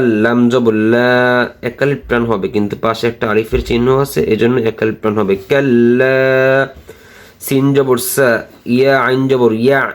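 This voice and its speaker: A man teaching Quran reading, spelling out each syllable slowly and patiently in a recitation lesson. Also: medium pitch. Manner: slow, drawn-out syllable-by-syllable teaching.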